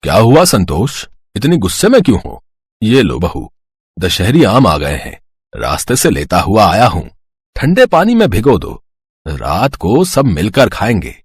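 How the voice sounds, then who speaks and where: A man's voice: lowish voice, a little slow, breathy edge, dry recording, clean studio sound, heavily acted. Man voicing an easygoing husband. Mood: calm. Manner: calm, reasoning.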